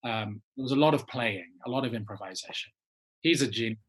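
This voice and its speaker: Animated, husky-voiced Englishman telling stories. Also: mid-range voice, a little fast. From England. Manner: animated storyteller acting out quoted voices. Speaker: actor guest. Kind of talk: casual interview anecdote.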